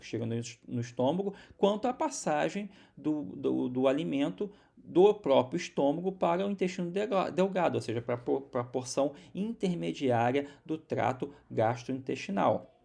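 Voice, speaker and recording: A man's voice: mid-range voice, animated, brisk, gravelly, hardly any pauses, warm tone. A man from Brazil giving a recorded university biology lecture, explaining step by step with many restarts and repeated words.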